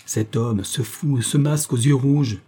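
A man's voice: medium pitch, measured pace, warm tone, breathy edge. A man reading aloud, voicing a feverish, devoted young hero who speaks with exaltation. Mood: fervent. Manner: fervent, exalted.

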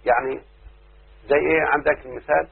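An Egyptian sheikh teaches grammar to his class, raising questions and waiting for the students to answer back. His voice sits fairly high and carries a gravelly, very husky grain. The sound is thin and phone-like. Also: steady tone, fast talker. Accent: Egyptian Arabic. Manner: quizzes students constantly, patient and repetitive. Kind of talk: classroom lesson with call-and-response questions. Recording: tinny phone-like low-fidelity recording.

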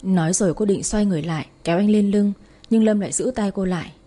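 Female audiobook narrator, soft and even, warm low tone with a breathy grain. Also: fast.

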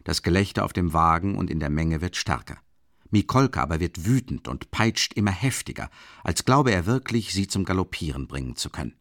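A middle-aged man narrating a novel as an audiobook in a dramatic, expressive way. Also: low-pitched, brisk, no echo, clean studio sound. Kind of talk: scripted literary narration.

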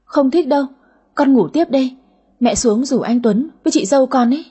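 A woman voicing a greedy, sulky daughter in her thirties with a high, whiny voice in an audio story. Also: moderate pace, mellow, slightly rough. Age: 30s. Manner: whiny, cheeky.

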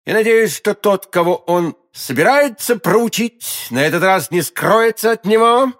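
A man voicing a hot-headed young nobleman in an audiobook, indignant and shouting. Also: fairly high pitch, normal speed, breathy edge. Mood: defiant.

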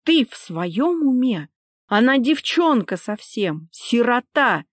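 A woman's voice: on the high side, very animated, slow pace, no room sound, pitched above the performer's own voice, exaggerated voice. A woman voicing a stern, domineering husband who speaks in a clipped, sarcastic, commanding way, in a dry close recording. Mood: stern cold.

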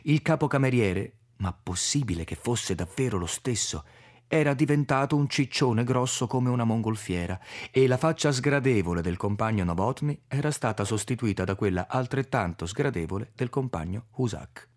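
A man narrating a literary audiobook in a measured, expressive reading. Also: mid-range voice. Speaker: audiobook reader.

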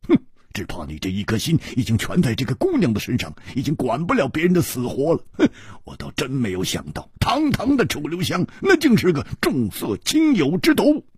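A man voicing a cold, proud young swordswoman in a Chinese storytelling reading, speaking in a sharp, scornful way. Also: fairly high pitch, wildly swooping pitch, moderate pace, hardly any pauses, husky, dry recording, studio quality, full character voice.

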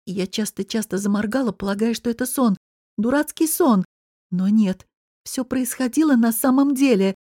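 A woman reads a first-person audiobook in an even, measured way. Her voice sits slightly high, with a dark, mellow tone. The recording is close and dry. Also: no echo. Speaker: audiobook narrator.

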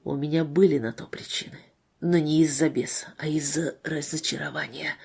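A woman voicing a bitter, wounded husband with a low, muffled voice in a read-aloud novel. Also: normal speed, lightly acted. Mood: hushed. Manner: bitter, hushed.

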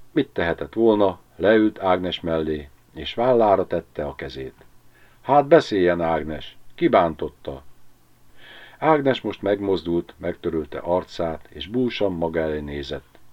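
A man reading an audiobook aloud in a calm, measured narration that lifts for dialogue. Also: low voice. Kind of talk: scripted narration. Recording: dull amateur audiobook recording.

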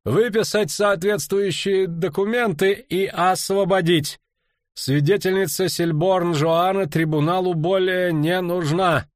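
A man's voice: high voice, fairly even intonation, a little slow, no echo, studio quality, voice pushed up. A man reading an audiobook, voicing a stern middle-aged judge who gives formal commands.

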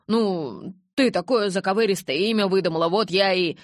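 A woman voicing a pushy young male werewolf who pleads loudly and insistently. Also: mid-range voice, normal speed, no room sound, studio quality, voice pushed up, natural voice. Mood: pleading.

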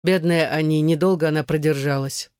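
A reader of an audiobook voicing a weary, gently ironic immortal man who speaks softly and sounds worn out. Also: mid-range voice, steady tone, a little fast, smooth, dry recording, clean studio sound, close to an everyday voice. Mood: detached, mild.

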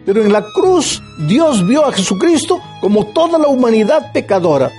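A man's voice: extremely high pitch, very animated, normal speed, darkish tone, faint music behind. A man giving a Bible lesson as an impassioned sermon, rising to emphatic peaks.

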